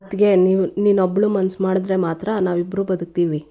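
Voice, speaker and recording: A scheming mother begging through tears, as a woman narrator puts her on, in a soft, mellow voice with little melody. She sounds like a serial villain putting on a humble act. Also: medium pitch, flat delivery, a little fast, natural voice. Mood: pleading. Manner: pleading, tearful. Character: tearful scheming mother pleading with sister-in-law.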